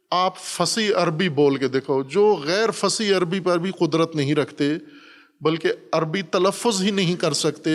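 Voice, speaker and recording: A man's voice: fairly high pitch, big-room sound. A man giving a Quran commentary lesson, explaining patiently with repeated examples. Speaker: Quran teacher. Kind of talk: Urdu Quran commentary lecture.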